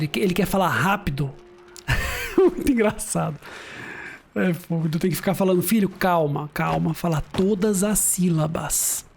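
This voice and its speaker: A man's voice: high-pitched, darkish tone, slight background noise. Chatty laughing man streaming a game. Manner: chatty, laughing, slangy storytelling. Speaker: gaming streamer. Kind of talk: casual let's-play commentary. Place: home.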